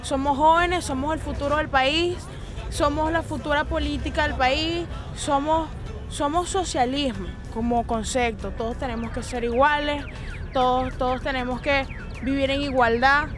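A young woman student answers a street reporter into a handheld mic, earnest and a little halting. Her voice is high. Music runs underneath. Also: steady tone. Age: young adult. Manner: earnest, hesitant restarts. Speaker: university student. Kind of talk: street interview. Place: city street outdoors.

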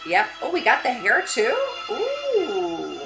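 A woman's voice: a little high, wildly swooping pitch, slow, creaky. Lady on the couch picking apart a horror movie, drawn out, movie music going in the background. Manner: dry, critical remarks about realism. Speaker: co-host reacting to a horror film. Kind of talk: casual reaction chat. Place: living room couch. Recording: film soundtrack playing behind.

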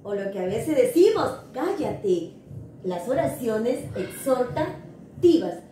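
High-voiced teacher coaxing pupils. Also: female voice, a little slow. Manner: animated, coaxing, talks directly to young pupils. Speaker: primary school teacher. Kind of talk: remote grammar lesson for children. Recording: echoey room, faint noise.

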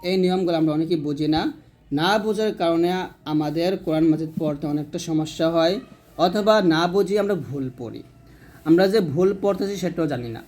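Male teacher with a Bangladeshi Bengali accent, slightly high voice, slow and deliberate, drawn-out example words. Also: dark tone, soft background music. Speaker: Quran reading teacher. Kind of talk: recorded lesson.

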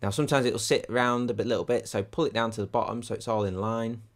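Speaking at a quick pace with fairly even intonation, a man with a voice on the low side walks viewers through a fishing setup, with no room sound. The channel host demonstrates rigs outdoors by a windy lake in a chatty, practical step-by-step how-to.

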